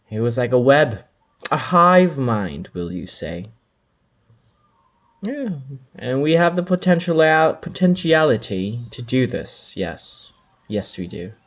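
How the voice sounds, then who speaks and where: A man with a mid-range voice channels otherworldly beings in a spiritual monologue, sounding very animated. He drifts mystically through the talk, pausing and letting soft asides trail off.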